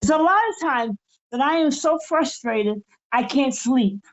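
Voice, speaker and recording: A woman's voice: sits high, lively intonation, a little slow, rough recording. An older woman co-hosting a spiritual talk show, speaking in an impassioned, pleading and repetitive way. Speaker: co-host.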